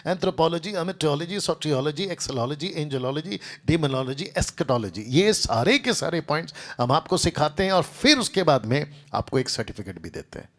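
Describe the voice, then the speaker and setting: A man's voice: fairly high pitch, a bit bright. Hindi-speaking male pastor addressing a hall. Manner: speaks to a seated group and a livestream audience, repetitive lists. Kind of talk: church announcements and sermon.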